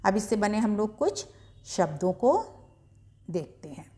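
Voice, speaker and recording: A woman leads a slow beginner reading lesson at an unhurried pace. Her pitch sits in a middle range. She is patient and sounds out each syllable, drawing out and stressing every long vowel. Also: warm tone. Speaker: Hindi reading teacher.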